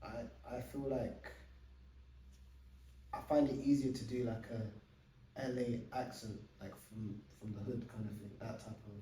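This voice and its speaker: A man's voice: medium pitch, steady tone, unhurried, warm tone, a little hiss or hum. A young man hosting a casual podcast chat, talking eagerly and at length with lots of fillers. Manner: chatty, eager, explains at length with many fillers. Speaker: podcast host. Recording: roomy sound from a distant mic.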